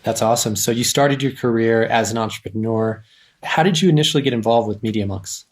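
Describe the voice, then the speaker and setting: A man's voice: mid-range voice, a little fast. A man hosting a podcast, reading an upbeat introduction and asking interview questions. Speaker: podcast host.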